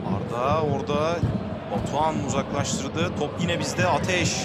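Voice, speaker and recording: Male match commentator, fairly high voice, clipped play-by-play calls over heavy crowd and background noise. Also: measured pace. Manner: names players in short clipped phrases. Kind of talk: live play-by-play football commentary. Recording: loud crowd and outdoor pitch noise.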